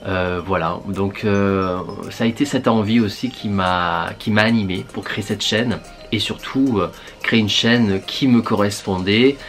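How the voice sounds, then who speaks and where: A man's voice: fairly low pitch, a little slow, a bit bright, faint music behind. A man, a beauty vlogger, chatting casually to his viewers while putting on a face mask, thinking aloud with many fillers.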